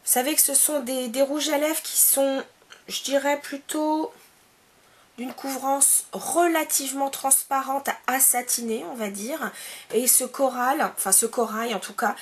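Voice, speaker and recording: A woman's voice: sits high, fairly even intonation, measured pace. A woman from France chatting casually in a beauty haul video at home, with many hesitations. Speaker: beauty vlogger.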